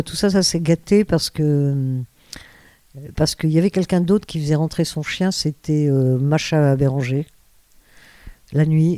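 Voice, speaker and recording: A woman's voice: deep voice, mellow, no echo. An older woman, a former radio host, telling rambling stories with many hesitations and restarts in an interview. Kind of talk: anecdotal storytelling.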